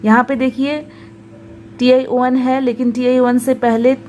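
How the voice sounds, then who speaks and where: Woman teacher with a Hindi accent, soft mellow tone, slightly high pitch, slow drilled delivery, faint background hiss. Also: little pitch movement, low-quality recording. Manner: slow, careful, repeats words for drilling. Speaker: English pronunciation teacher. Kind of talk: YouTube pronunciation lesson.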